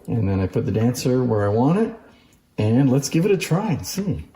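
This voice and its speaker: A man with a medium-pitched, sing-song voice speaks at a normal pace, casually and with interest, as he demonstrates antique phonograph toys in an unscripted show-and-tell. The recording has a roomy echo and faint background noise.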